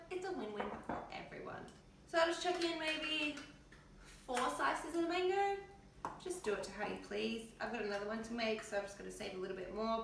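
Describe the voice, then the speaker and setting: Tired and in pain, a health vlogger with an Australian accent talks casually and colloquially in her kitchen at home, windows open. Her voice is on the high side and fairly bright. The recording is very echoey, with a distant mic and faint noise.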